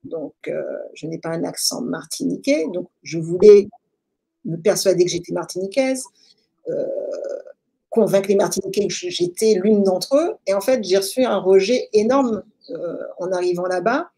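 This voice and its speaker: A woman with a French accent answers an interviewer at length in a relaxed, storytelling way. Her voice is mellow and slightly husky, with an ordinary middle pitch. She thinks aloud, filling pauses with soft hesitations. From France. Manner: reflective, animated storytelling with many fillers. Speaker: interview guest. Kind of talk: casual conversational storytelling.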